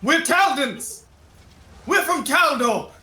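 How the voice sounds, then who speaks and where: A man voicing an angry crowd of townsfolk, shouting and pleading in a tabletop game. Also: very high voice, lively intonation, slow, echoey room, voice pushed up, full character voice, rough recording. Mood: impassioned.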